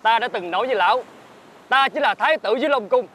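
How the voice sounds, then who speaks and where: A man's voice: very high-pitched, fast, bright, forceful tone, slightly rough, exaggerated voice. A man playing a golden fish who is a young Dragon King prince, speaking in a solemn, lordly way. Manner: solemn, lordly, addresses the old man as "lão". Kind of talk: fairy-tale drama acting.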